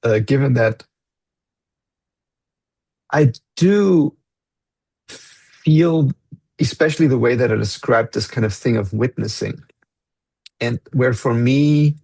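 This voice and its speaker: A man with a husky, slightly breathy voice at an ordinary middle pitch, hosting a reflective podcast conversation. He speaks in an earnest, thoughtful way and often pauses to search for the right words. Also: a little mellow. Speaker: podcast host.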